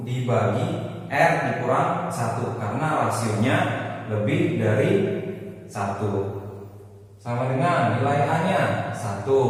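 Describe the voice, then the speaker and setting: A male teacher explaining math step by step, in a patient sing-song way. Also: medium pitch. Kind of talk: math lesson. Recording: echoey room from far off.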